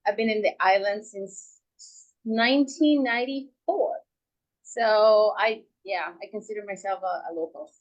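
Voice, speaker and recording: A woman from Peru chatting as a guest, soft-spoken and hesitant, with many fillers. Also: mid-range voice, a little slow, highs cut off. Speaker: guest, real estate agent. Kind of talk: casual chat.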